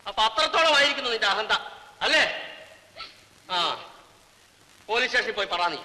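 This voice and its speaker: A man's voice: extremely high pitch, lively intonation, fairly quick, bright, forceful tone, big-room sound, heavily acted, rough recording. An actor playing a stern, harsh male foreman who scolds and accuses, on an old film soundtrack. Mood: angry scolding. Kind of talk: 1960s film acting.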